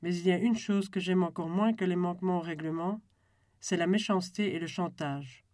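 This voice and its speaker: Stern, formal cruise director, measured and firm; reader voicing him, dry close sound. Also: medium pitch, darkish tone, no room sound, natural voice.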